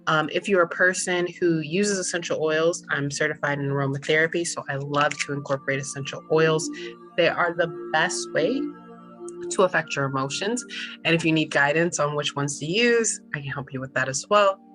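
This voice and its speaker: A woman working as a holistic business coach, explaining her services and then slowly guiding a breathing and body scan session. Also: low-pitched. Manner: calm, slow guided breathing instructions. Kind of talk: guided mindfulness session. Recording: faint relaxing music behind. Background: soft relaxing music.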